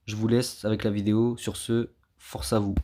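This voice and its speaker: A man's voice: on the low side, flat delivery, moderate pace, heavy background noise. A man chatting casually about an anime on his channel, with slangy, laid-back delivery and joking asides. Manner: self-mocking, joking asides. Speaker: anime YouTuber. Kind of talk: casual anime review vlog. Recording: clear background music under voice.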